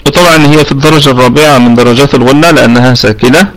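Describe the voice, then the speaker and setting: A man's voice: medium pitch, rough recording. A man with an Egyptian accent teaching Quran recitation rules in a live online lesson, patiently asking students questions and repeating sounds to demonstrate them. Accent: Egyptian Arabic. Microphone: computer mic for online voice chat.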